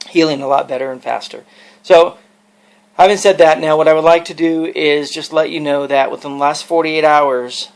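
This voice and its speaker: A man talking casually to the camera as a video blogger, explaining and giving advice in a rambling, earnest way. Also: medium pitch. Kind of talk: casual vlog monologue, explaining and advising.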